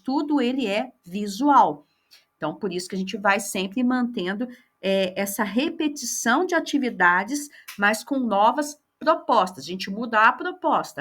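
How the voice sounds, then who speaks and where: A woman's voice: fairly high pitch, sharp tone. A Brazilian woman teacher patiently explaining a classroom activity, repeating key words often. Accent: Brazilian Portuguese. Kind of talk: instructional explanation.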